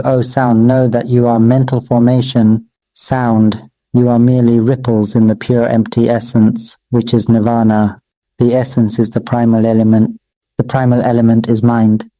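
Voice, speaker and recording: A Buddhist monk delivering a dharma sermon in a very dark, mellow voice that stays almost level in pitch. He speaks in slow, measured, repetitive phrases that sound like an incantation. The sound is close and dry, with no room echo. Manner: addresses his own voice as "Mister Voice".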